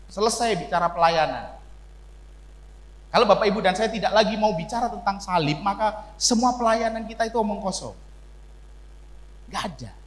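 A man with an East Javanese accent preaching to a youth service, asking questions and answering them himself, swinging between loud and quiet. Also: sits high. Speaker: pastor. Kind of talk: sermon. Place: church hall. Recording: echoey church hall.

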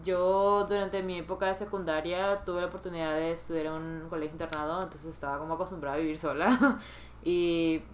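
A woman's voice: lowish voice, fairly even intonation, fairly quick, slight background noise. A young woman from Peru, a university student guest, talking casually with many hesitant fillers. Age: young adult. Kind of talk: casual chat.

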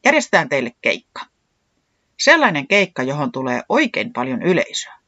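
A storyteller voicing a calm, well-travelled creature who manages the band and soothes its friends. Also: medium pitch, no room sound, muffled recording, exaggerated voice. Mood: reasonable.

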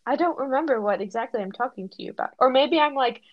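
A teenage girl co-hosting a podcast, talking in a thoughtful, halting way with lots of fillers. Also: high voice, animated, dry recording, muffled recording. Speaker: podcast co-host. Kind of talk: casual reflective chat.

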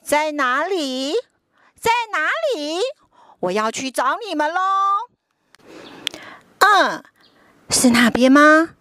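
A woman's voice: sits high, lively intonation, takes it slowly, long pauses, sharp tone, no room sound, full character voice. A woman voicing a childlike, earnest big-brother tadpole, exclamatory, in a storybook reading for young children. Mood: playful, searching.

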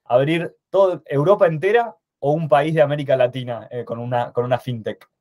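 A man's voice: medium pitch, brisk, darkish tone. A man with an Argentine accent hosting a podcast interview, asking questions hesitantly with many restarts. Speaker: podcast host.

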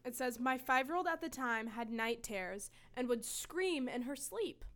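A woman with a high voice that leaps up and down chats and reads anecdotes aloud. She is giggly and expressive, often breaking into laughter mid-sentence. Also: normal speed. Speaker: co-host. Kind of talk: casual chat.

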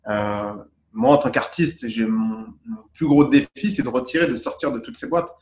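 A man's voice: medium pitch, lively intonation, normal speed, darkish tone, slight background noise. A man from Tunisia answering interview questions as a guest artist, thoughtful and searching for his words. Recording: roomy echo.

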